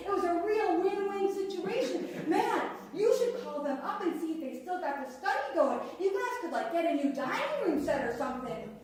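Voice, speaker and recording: A woman putting on a crude, laid-back stoner dude with a lazy drawl and a high voice for a guy. The voice is heard from well back from the mic, and the room rings around it with a faint hiss underneath. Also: far from the mic. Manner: drawling slacker talk. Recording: echoey room heard from afar.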